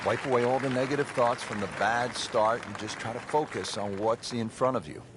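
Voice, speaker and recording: A man's voice: medium pitch, steady tone, brisk, background noise. A man delivering polished play-by-play golf commentary. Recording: music and crowd behind voice. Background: music and crowd ambience.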